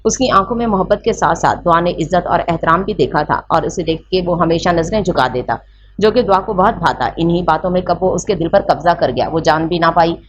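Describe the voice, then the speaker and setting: A woman narrating a romance novel aloud in a steady, measured reading. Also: on the low side. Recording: slightly muffled with faint hiss.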